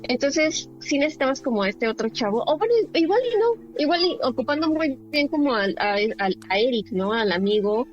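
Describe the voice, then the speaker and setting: A woman's voice: sits high, animated, brisk, few pauses, highs cut off, faint music behind. A woman co-hosting a casual film discussion podcast, thinking aloud with fillers and tag questions. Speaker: podcast co-host.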